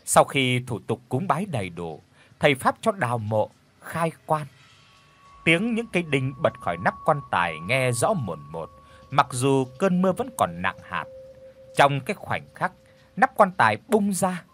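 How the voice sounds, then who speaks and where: A man reading a horror story aloud as an audiobook narrator, dramatic, with tense pauses. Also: mid-range voice, wildly swooping pitch, fairly bright tone, a little hiss or hum.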